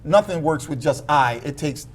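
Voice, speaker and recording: Guy with a slightly high voice, guest on a chat show, earnest and steady. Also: moderate pace, slight background noise. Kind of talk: casual interview.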